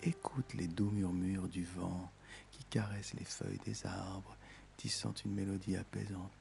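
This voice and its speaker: A man guiding a meditation in a soft, soothing, intimate voice, as if speaking right into your ear. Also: sits low, flat delivery, measured pace, gravelly, slight background noise. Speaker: meditation guide. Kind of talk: guided meditation. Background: music.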